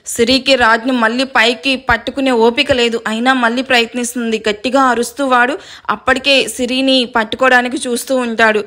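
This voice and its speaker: A woman narrating a dramatic story in a steady storytelling manner. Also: fairly high pitch, brisk.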